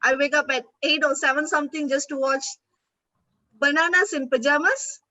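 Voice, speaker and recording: High bright-voiced woman chatting. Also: normal speed, dry recording, dull audio. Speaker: student council host. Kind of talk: casual group chat on a livestream.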